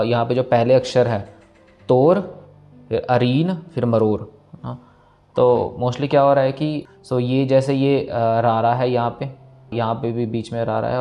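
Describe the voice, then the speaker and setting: A man teaching scripture pronunciation, reciting lines slowly and breaking words down syllable by syllable. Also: mid-range voice, lo-fi sound. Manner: slow, careful, repeats lines syllable by syllable. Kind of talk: step-by-step recitation lesson. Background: faint instrumental music.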